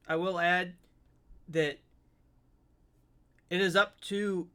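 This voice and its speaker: A man giving casual, off-the-cuff reaction commentary as a streamer, halting and repeating himself for emphasis. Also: on the high side, a bit bright.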